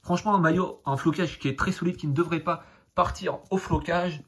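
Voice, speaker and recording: Talking briskly in a steady, fairly bright voice on the high side, a young French-accented man reviews a football jersey for a casual vlog. He rambles, packing almost every phrase with hesitations like "donc" and "euh."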